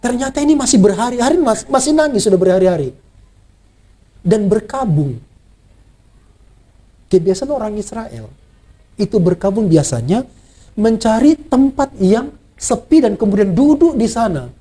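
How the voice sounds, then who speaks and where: Animated high-voiced male pastor preaching. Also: normal speed, long pauses. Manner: repeats phrases and asks the congregation rhetorical questions. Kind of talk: Easter sermon.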